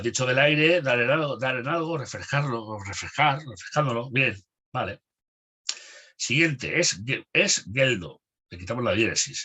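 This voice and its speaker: A man teaching a spelling lesson for an exam course, reading words and definitions one after another in a steady list, with a Spanish accent from Spain. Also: mid-range voice, slightly rough.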